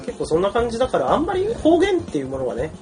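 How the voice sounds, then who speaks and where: A man co-hosting a podcast in casual chat, animated and laughing often. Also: extremely high pitch, racing, soft background music. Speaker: podcast co-host.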